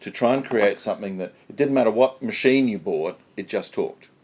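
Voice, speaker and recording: A man's voice: fairly low pitch, fairly quick, darkish tone, a little hiss or hum. A man on a conference panel explaining technical history step by step, repeating key points for emphasis.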